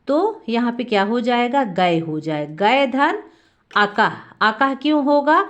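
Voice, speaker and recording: A woman with a high, light voice explains a grammar lesson step by step. She keeps asking the class a question and answering it herself, and stretches out the sounds she wants them to hear. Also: very animated, slow pace, highs cut off. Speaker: Sanskrit teacher.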